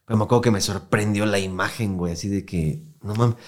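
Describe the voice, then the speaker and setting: A man's voice: on the low side, fast talker. Slangy Mexican man telling a story. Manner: slangy, animated, acts out quoted voices. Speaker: podcast host. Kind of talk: casual storytelling chat.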